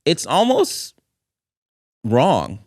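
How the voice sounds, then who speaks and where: A man's voice: on the high side, wildly swooping pitch, drawn-out words, darkish tone, no echo, studio quality. A man co-hosting a podcast in casual chat, hesitant and searching for his words. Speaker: podcast co-host.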